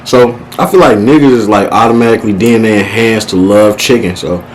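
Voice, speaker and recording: A vlogger hosting a mukbang talks while eating, his mouth busy as he riffs in a playful, exaggerated, slangy, and profane way. His voice is lowish and a little fast, with a little hiss or hum.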